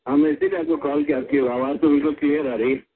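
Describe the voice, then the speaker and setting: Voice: medium pitch, huge pitch swings, quick pace, gravelly. A caller speaking over the phone to a radio show, giving brief, polite replies. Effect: over the phone line.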